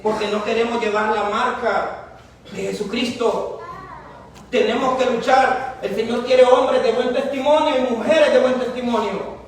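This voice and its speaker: A man's voice: extremely high pitch, steady tone, unhurried, a little hiss or hum. A man preaching a sermon with fervor, calling out to his congregation. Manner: fervent, calls out to the congregation. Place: church. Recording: echoey hall, mic far off.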